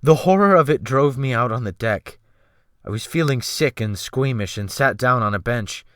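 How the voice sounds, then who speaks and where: A man narrates literary fiction in the first person as an audiobook reader, dramatic and theatrical, earnest, with deliberate phrasing. His mid-range voice has lively intonation and a fairly bright tone, captured at studio quality with no echo on a Blue Snowball USB microphone.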